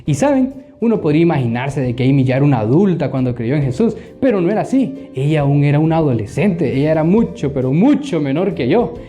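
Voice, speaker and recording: An animated man tells a Bible story to children and keeps asking them questions. His voice is fairly high but mellow. Faint music plays behind him. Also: quick pace, hardly any pauses. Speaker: children's Bible school teacher.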